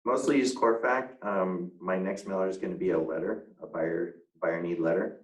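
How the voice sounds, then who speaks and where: A man with a very low voice talks through his business over a video call. He stops and restarts a lot and fills pauses with ums. The sound is roomy and a little distant from the mic. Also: fairly even intonation, muffled recording. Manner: halting, many fillers and restarts. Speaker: real estate agent, interviewee. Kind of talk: casual video call interview.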